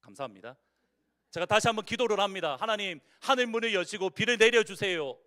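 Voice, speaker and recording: A male pastor with a Busan accent preaching a sermon, putting questions to the congregation and swinging from loud declarations to hushed endings. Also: high voice, expressive, a little fast. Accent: Busan Korean. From Busan, South Korea. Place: church sanctuary.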